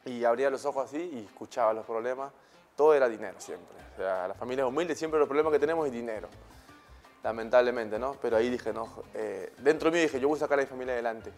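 Peruvian man, relaxed slangy storytelling, mid-pitched voice, faint music underneath. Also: fast. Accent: Peruvian Spanish. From Peru. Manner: relaxed, frequent tag questions, slangy. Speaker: guest, former footballer. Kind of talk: casual interview storytelling.

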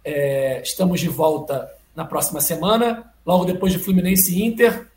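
A Brazilian man hosts a casual football podcast. His voice sits slightly high. The room is echoey, with faint noise behind him. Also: expressive, moderate pace. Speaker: podcast host. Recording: roomy echo, faint background noise.

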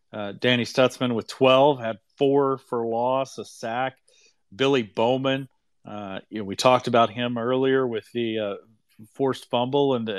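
A man, a sports writer, giving casual postgame football analysis in a measured, halting way with fillers. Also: medium pitch, no room sound.

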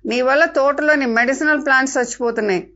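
A woman voicing a bossy young girl who scolds sharply in a high voice. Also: fast, a bit bright. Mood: scolding. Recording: dull lo-fi with faint music.

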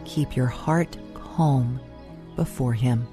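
Slow, low, soft-spoken woman guiding meditation. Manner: soft, soothing, unhurried delivery with long pauses. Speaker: meditation host. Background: music.

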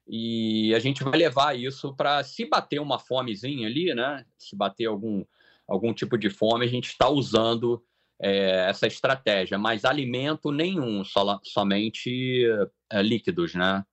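Runner guy, relaxed, stumbles and repeats words, dull muffled recording. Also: medium pitch, unhurried. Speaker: ultramarathon runner. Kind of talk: casual interview answers.

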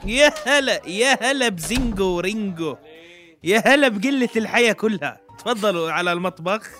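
A man's voice: high voice, animated, fairly quick, pushed and bright, soft background music. A man with a Jordanian Levantine accent, a podcast co-host in casual comic banter, teasing and mock-exasperated.

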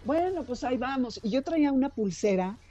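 Over a loud crowd, a woman with a high, fairly quick voice and a Mexican Spanish accent shares anecdotes, with the highs cut off in the audio. She's a radio broadcaster chatting casually, an animated storyteller who performs each quoted voice.

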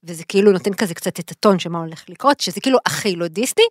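A woman co-hosting a podcast, chatting casually and retelling a TV episode in an excited, rambling way full of fillers. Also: on the low side, no echo. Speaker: podcast co-host. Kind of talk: casual chat.

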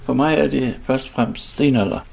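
A man's voice: mid-range voice, creaky, darkish tone, slight background noise. A man in his sixties, an author and collector, talking in a reflective, rambling way with many restarts. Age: 60s. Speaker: author and stone-age collector. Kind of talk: casual interview talk.

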